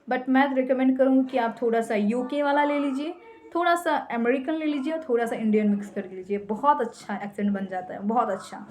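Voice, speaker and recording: A young Indian woman giving emphatic, repetitive tips to English learners, mixing Hindi and English. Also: high voice. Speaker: English teacher. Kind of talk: casual tutorial talk.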